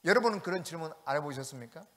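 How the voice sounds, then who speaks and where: Male pastor, animated preaching, high and expressive, reverberant sanctuary sound. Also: very fast. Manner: animated preaching, asks the congregation questions, reads scripture aloud. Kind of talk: sermon. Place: church sanctuary. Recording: long church hall reverb.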